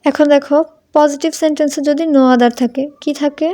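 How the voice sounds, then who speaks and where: Woman, grammar teacher, high mellow voice, questions for students, informal tone. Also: fairly even intonation, brisk. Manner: asks students questions and answers them herself; addresses students informally as tumi. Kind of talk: Bengali-language grammar lesson.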